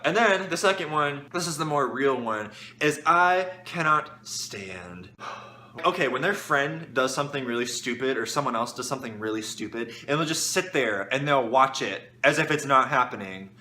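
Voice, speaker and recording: A man's voice: mid-range voice, normal speed, echoey room, a little hiss or hum. A man ranting casually on a vlog about work annoyances, full of fillers. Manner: animated, ranting, lots of fillers. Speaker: vlogger.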